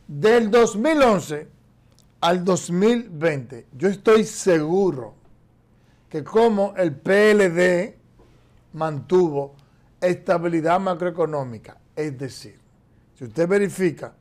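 This man's voice runs somewhat high with a slightly mellow quality. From a chair in a TV studio, he gives emphatic economic commentary for a news program's political segment, gesturing all the while.

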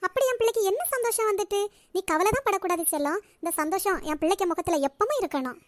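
A woman's voice: very high-pitched, quick pace, no echo. A woman voicing a doting, anxious middle-aged mother in a family cartoon, tender and coaxing, with a Nagercoil Tamil accent.

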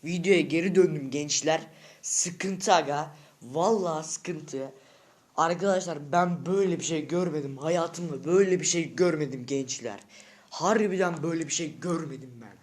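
A man's voice: fairly high pitch, normal speed. A male vlogger at home, talking straight to his subscribers in an agitated, slang-heavy rant that keeps repeating the same short phrases. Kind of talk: unscripted casual vlog rant. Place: at home indoors.

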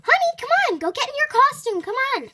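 A woman's voice: very high-pitched, big pitch swings, fast, bright, forceful tone, voice pushed up, full character voice. A young girl voicing a cheerful, bossy mother in improvised dollhouse play. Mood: bright, bossy.

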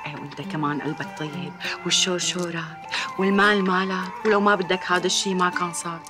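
An actress with a Levantine Arabic accent playing a devout wife who speaks in warm blessings. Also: female voice, on the low side, steady tone, fast, lightly acted. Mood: affectionate. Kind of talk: radio-style drama acting. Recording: loud music bed under the voice.

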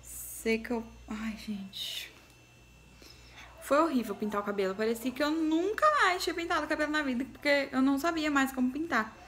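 A fairly high-voiced woman with a Brazilian accent talks straight to her viewers, chatty and openly nervous. She records at home on a phone propped up nearby, and a faint hum of ambience sits under her voice. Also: fast talker, hardly any pauses, a bit bright. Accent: Brazilian Portuguese. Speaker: vlogger. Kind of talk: casual vlog chat to camera. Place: home, bathroom area. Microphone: phone camera set down nearby.

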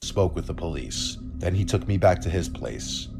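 Male horror narrator, very low voice, calm scripted read, soft music underneath. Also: moderate pace, creaky. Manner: calm, steady storytelling.

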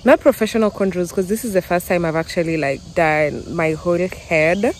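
A woman's voice: on the low side, moderate pace, slight background noise. A young woman with a Kenyan accent chatting casually to her phone camera outdoors, laughing often and joking about herself. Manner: chatty, laughs often, self-mocking asides. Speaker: vlogger. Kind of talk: casual vlog chat to camera. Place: outdoors, walking around town.

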